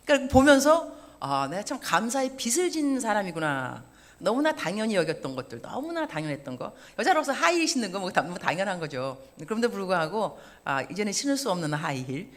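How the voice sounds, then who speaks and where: 50대 여성 선교사가 교회 예배에서 농담을 섞어 가며 유쾌하게 설교한다. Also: female voice, medium pitch, a little fast. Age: 50s. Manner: lively, joking and self-mocking. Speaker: missionary preacher. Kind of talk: sermon. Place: church service.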